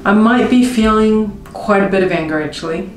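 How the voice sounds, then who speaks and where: A woman coaching viewers through a tapping session, speaking slow, emotive first-person affirmations. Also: mid-range voice. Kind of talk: guided tapping script spoken in first person. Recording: roomy with faint music behind.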